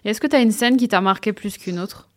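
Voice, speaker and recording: A woman's voice: medium pitch, a little fast, dry recording, studio quality. A woman interviewing a guest in a casual, conversational way.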